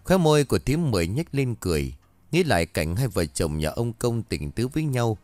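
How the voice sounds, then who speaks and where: A male storyteller narrates a scripted ghost story, his pitch rising and falling lively across a middle register. The recording is close and dry, with no room sound. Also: fairly quick, no room sound. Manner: dramatic, expressive reading.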